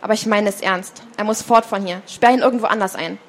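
A woman voicing a frantic, shrill woman at a live reading of a novel, her lines louder than the narration. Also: steady tone, fast talker, close to an everyday voice. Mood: pleading. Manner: panicked, pleading, then screaming. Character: frantic dark-haired woman, shrill and commanding. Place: book fair stand, indoors.

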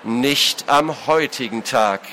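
A man's voice: on the high side, unhurried, a little hiss or hum. A man voicing a bitter, furious middle-aged lord, a crippled war veteran who growls and barks his words. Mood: menacing. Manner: growling, barking, shouting in rage.

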